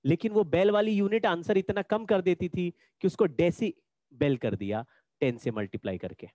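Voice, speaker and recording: High-voiced man teaching a physics class. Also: normal speed, dark tone, no echo. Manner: explains patiently, repeats key points. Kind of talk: online class lecture.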